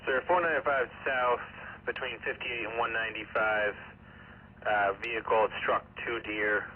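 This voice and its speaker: Guy on emergency radio, procedural, mid-pitched voice, noisy clicky scanner feed. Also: fairly even intonation, moderate pace, narrow, tinny audio. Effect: two-way radio.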